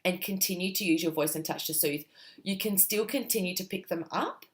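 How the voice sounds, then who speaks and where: A woman giving parenting sleep advice to camera in a relaxed, reassuring way, checking in often with "okay?". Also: fairly low pitch, brisk. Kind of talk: talking-to-camera advice video.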